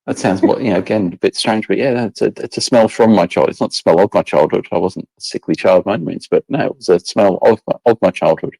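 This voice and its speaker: A middle-aged man, speaking in a very low voice. He chats casually as a guest on a video call, rambling and restarting his sentences, with many fillers along the way. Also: quick pace, gravelly, hardly any pauses, dark tone, husky, poor audio. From England. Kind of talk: casual chat.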